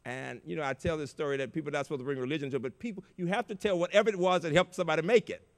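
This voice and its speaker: An older man giving an inspirational keynote speech at a conference, telling stories with big emotional swings in loudness. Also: a little high, rapid-fire. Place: large conference auditorium. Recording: reverberant conference hall.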